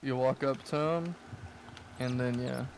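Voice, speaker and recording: A man chatting casually with a friend while playing a game, relaxed and laid-back. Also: medium pitch, measured pace, gravelly, slight background noise. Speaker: co-player. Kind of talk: casual chat while gaming.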